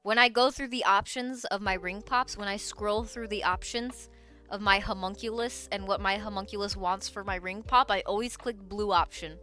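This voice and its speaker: A woman's voice: mid-range voice, steady tone, moderate pace, sharp tone, soft background music. A woman streamer in casual live-stream chat, playful and giggly, swearing freely.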